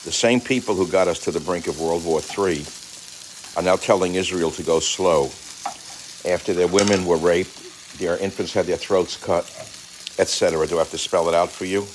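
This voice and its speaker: An older man talking casually while he cooks in his home kitchen, rambling and combative, swinging between calm remarks and angry outbursts. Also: deep voice, moderate pace, background noise. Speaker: commentator. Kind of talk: casual monologue while cooking.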